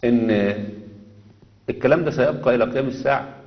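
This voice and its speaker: Quick emphatic Egyptian religious teacher. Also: male voice, mid-range voice, fairly even intonation. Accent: Egyptian Arabic. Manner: emphatic, asks rhetorical questions. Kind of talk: religious lesson. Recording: dull echoey hall recording.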